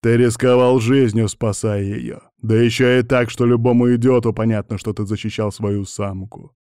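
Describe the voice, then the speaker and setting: A man reading an audiobook, voicing a gruff, blunt male security chief in a clipped, irritated manner. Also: mid-range voice, steady tone, moderate pace, warm tone, dry recording, clean studio sound, natural voice. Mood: cold. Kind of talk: audiobook narration.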